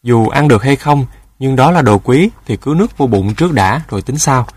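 A man's voice: medium pitch, expressive, moderate pace, a little mellow, husky, no room sound. A man voicing a greedy, foolish male rooster in a storybook tale, boastful and easily panicked. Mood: scornful.

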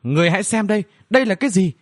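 Man doing bratty little girl princess, cheeky, whiny, high-pitched, husky edge, storybook voice. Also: lively intonation, rapid-fire, dry recording, studio quality. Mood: taunting.

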